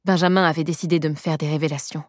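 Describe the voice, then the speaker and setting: A woman's voice: deep voice, steady tone, racing, no echo, studio quality. A woman reading the lines of an alarmed young woman talking to herself in an audiobook. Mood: anxious. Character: young blonde woman, frightened and anxious.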